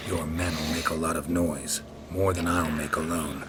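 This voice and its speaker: A gruff, stoic monster hunter with a very low voice. He speaks in short, laconic lines. Loud music fills the game audio behind him. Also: moderate pace. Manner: clipped, flat and laconic.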